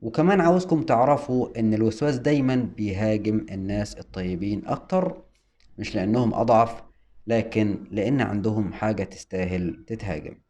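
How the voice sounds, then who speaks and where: A man with an Egyptian Arabic accent hosts an explainer. He talks calmly in numbered parts and answers his own questions. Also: fairly low pitch, brisk. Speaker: host explaining OCD. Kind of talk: scripted explainer talk.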